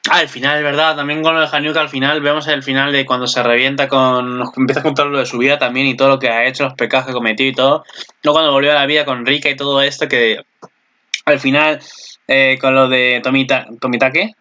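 Excitable man, bright lo-fi voice. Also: mid-range voice, fast. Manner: excitable, rambling, jumps to loud exclamations. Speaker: anime commentator. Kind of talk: casual video commentary.

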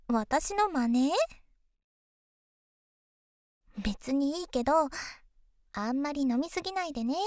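A woman voicing an affectionate, teasing young girlfriend in an ASMR ASMR role-play, soft and coaxing, intimate pillow talk. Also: sits high, no echo. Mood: playful, affectionate.

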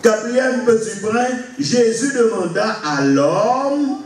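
A pastor preaching a sermon to his congregation, shifting from slow explanation to shouted exclamations and laughter. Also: high-pitched, lively intonation. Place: large church hall with congregation. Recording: echoey hall, far from mic, congregation noise.

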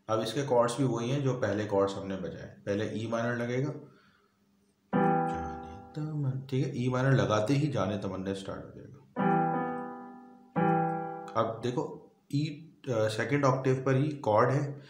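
A man teaching a song on piano, patiently explaining each note, chord and finger step by step. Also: medium pitch. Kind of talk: step-by-step music tutorial. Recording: echoey room with piano playing.

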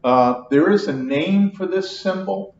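An older male math lecturer with a high, darkish voice works step by step at a whiteboard, slow and patient, repeating every point. He's recorded from across an echoey classroom, so the sound is distant and dull.

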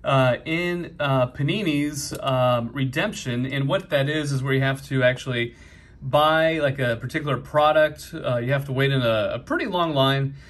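A middle-aged New Englander with a mid-range, slightly bright voice chats at a moderate pace while ripping open trading card packs. This card-collecting vlogger, in a busy convention hall, keeps it casual and cheerful, full of fillers.

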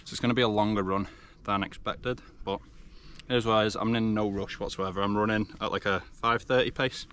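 A young man with an English accent chats informally to his camera in the open air. His voice sits a little low, and faint ambient noise runs behind it. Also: steady tone, fairly quick, a bit bright. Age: 20s. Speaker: fitness vlogger. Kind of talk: casual vlog chat. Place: outdoors in a forest. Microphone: action camera. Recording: faint outdoor background noise.

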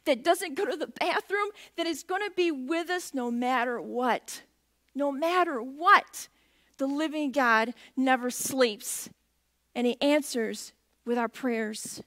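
A woman's voice: high voice, unhurried, fairly bright tone. A middle-aged woman preaching a sermon in a church, talking conversationally and putting questions to the congregation. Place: church sanctuary.

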